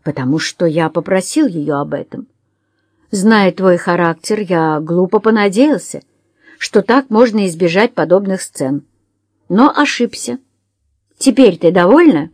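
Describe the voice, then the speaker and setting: A woman voicing a blind man who speaks quietly and with tight control. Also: lowish voice, expressive, unhurried, no echo, clean studio sound. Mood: restrained. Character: blind man, calm and restrained.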